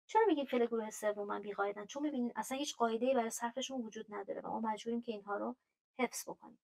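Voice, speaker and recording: A Persian-speaking woman teaching a French grammar lesson, explaining patiently with frequent fillers and reading French verb forms aloud slowly. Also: a little high, a little mellow, low-quality recording.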